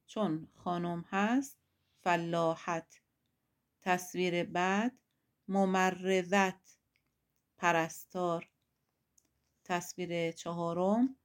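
Woman teacher, lower voice, slow careful explainer who lands each key word. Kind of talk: Arabic lesson in Persian.

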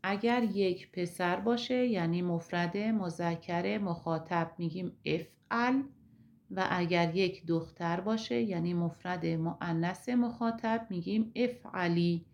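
A woman with a Persian accent, teaching an Arabic grammar lesson slowly and step by step. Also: lowish voice, a little mellow, lo-fi sound. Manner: slow, deliberate, explaining step by step.

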